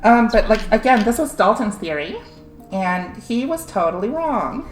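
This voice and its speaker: A young woman streamer with a fairly high, expressive voice explains science at normal speed, laughing often and filling gaps with "like" and "um." Her recording has an echoey room sound and faint music in the background.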